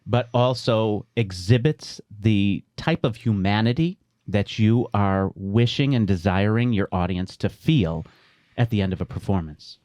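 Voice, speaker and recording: A man's voice: lowish voice, unhurried, darkish tone, dry recording, studio quality. A man hosting an interview at an arts centre, chatty and digressing, laughing often. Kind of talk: casual interview chat. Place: theatre venue.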